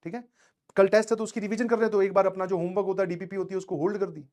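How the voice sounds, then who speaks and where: A man's voice: sits high, flat delivery, rapid-fire, darkish tone. A male teacher giving students a conversational motivational talk, telling stories from his own student days and often checking that they follow. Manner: conversational, keeps checking in with listeners; tells personal anecdotes.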